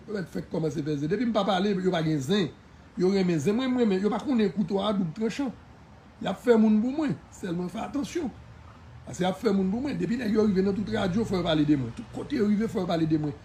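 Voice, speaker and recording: A man with a Haitian accent holds forth in a live-stream monologue, defiant and emphatic, laughing often. His voice sits high and carries a gravelly fry. He drops French phrases into his talk. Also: brisk, warm tone, slight background noise.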